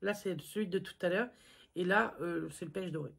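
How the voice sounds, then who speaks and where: Female beauty vlogger, relaxed and chatty, teasing herself while showing products to camera. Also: on the low side, normal speed, gravelly, slight background noise. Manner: chatty, self-mocking, lots of fillers. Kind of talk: casual makeup haul review.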